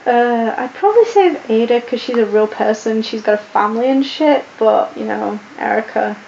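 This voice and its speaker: A young woman short on sleep hosts a casual Q&A, rambling through viewer questions in a fake upper-class British accent. Her croaky voice is fairly high with a darkish tone and a moderate pace, and she keeps restarting and saying um. The sound is dull, lo-fi and faintly hissy, with room echo.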